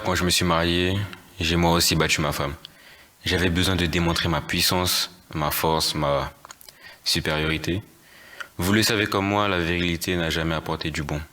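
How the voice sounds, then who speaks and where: A man's voice: sits low, sharp tone. A man on a theatre stage playing a man who confesses to violence, in a grave confessional monologue. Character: man confessing he beat his wife.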